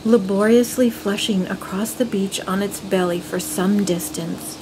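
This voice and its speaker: A woman reads a nature documentary script in a calm, measured voice at a middle pitch. Her delivery is gentle and steady, with a faint low rumble under the recording. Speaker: documentary narrator.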